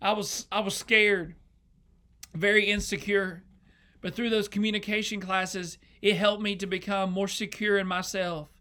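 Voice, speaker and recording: A man's voice: high voice, flat delivery, measured pace, bright, forceful tone. A young man preaching a sermon as an associate pastor, earnest and emotional, often repeating himself. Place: church sanctuary.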